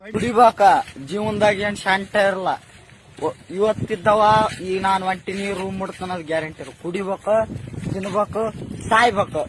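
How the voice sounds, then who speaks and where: A man voicing a fatalistic young drinker in a slow, brooding drawl. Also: high voice, steady tone, background noise, lightly acted.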